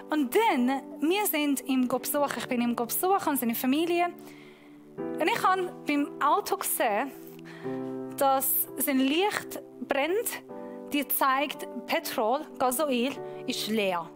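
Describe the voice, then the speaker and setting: High-voiced woman pastor preaching emphatically. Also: animated. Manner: emphatic preaching, slowing down to stress key points. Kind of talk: sermon. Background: music.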